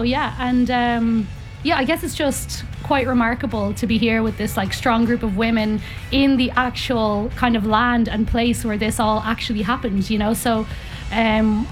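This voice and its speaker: A woman's voice: a little high, steady tone, normal speed, faint music behind. Young woman with a Dublin accent. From Ireland, grew up in North County Dublin. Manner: chatty, many ums and uhs. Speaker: circus performer guest. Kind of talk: casual radio interview. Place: live radio broadcast on location.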